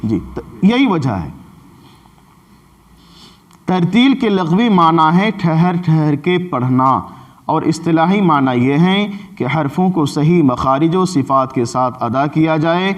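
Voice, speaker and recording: In a mosque, a man with an Indian Urdu accent teaches Quran recitation, explaining patiently and slowing down to chant examples. His voice sits on the high side and is expressive.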